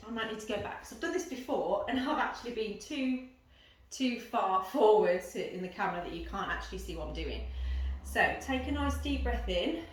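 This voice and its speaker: A woman guiding a yoga and breathing lesson, giving informal step-by-step instructions and explanations to the camera. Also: a little high. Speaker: yoga teacher. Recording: roomy echo, voice at some distance.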